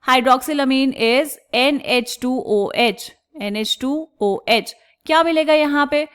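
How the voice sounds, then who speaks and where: Lady teacher walking thru chemistry structures, high voice, keeps asking then answering herself. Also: fairly bright tone, smooth. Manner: asks the class questions and answers them herself, calls students "beta"; slows down and stretches out technical terms. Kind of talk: explaining step by step on a board.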